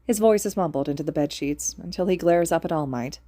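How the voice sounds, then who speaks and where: A woman reading fan fiction aloud in a steady storytelling manner. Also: low voice, a little fast, no echo. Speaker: podfic reader. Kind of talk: audiobook narration of fan fiction.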